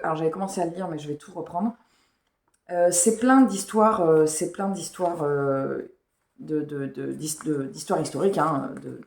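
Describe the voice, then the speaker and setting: A woman book vlogger chatting casually and rambling about her reading pile, with slightly unclear diction. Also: on the low side. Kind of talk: casual chat. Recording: echoey room.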